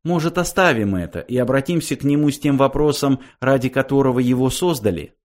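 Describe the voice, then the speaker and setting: A man voicing an impatient male programmer, breathless with excitement. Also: mid-range voice, fairly quick, natural voice.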